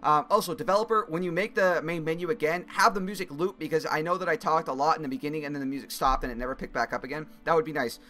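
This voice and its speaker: A man's voice: on the high side, fast, hardly any pauses, bright, forceful tone. A young man giving casual gameplay commentary, rambling as he thinks aloud. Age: young adult. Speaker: gamer reviewing a game demo.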